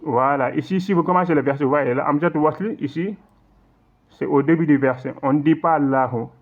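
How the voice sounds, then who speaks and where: A man with a somewhat high voice teaches recitation in an online lesson, repeating points patiently and checking that listeners follow. He recites his examples slowly and with a drawn-out delivery. The audio is thin and tinny, like a phone line. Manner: patient, repetitive explaining with frequent check-ins; slow drawn-out recitation in demonstrations.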